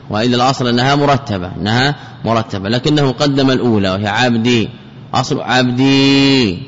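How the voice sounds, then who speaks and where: A male sheikh gives a traditional lecture and keeps going back over examples word by word. His voice sits at an ordinary pitch. The recording is muffled and carries a long, hall-like reverb with faint hiss underneath. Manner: repeats key words and examples slowly, chants quoted verses. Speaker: sheikh teaching grammar. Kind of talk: traditional lecture explaining a grammar text.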